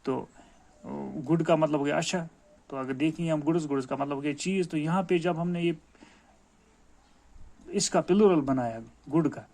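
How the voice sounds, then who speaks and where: A man's voice: a little high, pauses often, darkish tone. Kashmiri man teaching children grammar. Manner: explains patiently, addressing pupils as dear children. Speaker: school teacher. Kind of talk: classroom grammar lesson.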